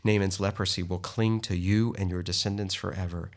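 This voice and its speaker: Stern older prophet, calm authority, low gravelly voice, read by a man. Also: a little fast.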